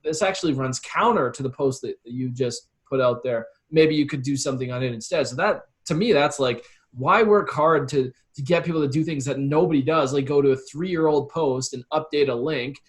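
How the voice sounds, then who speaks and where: A medium-pitched man from Calgary, Canada, talks fairly quickly as an interview guest in casual conversation. The copywriter and consultant explains things earnestly, frequently voicing illustrative quotes.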